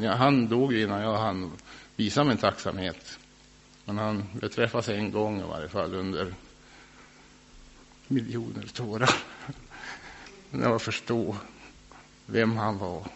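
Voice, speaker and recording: A man telling his personal faith testimony about his past drinking, earnest and reflective, now and then laughing softly. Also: fairly low pitch, creaky, slight background noise. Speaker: former alcoholic sharing his faith testimony.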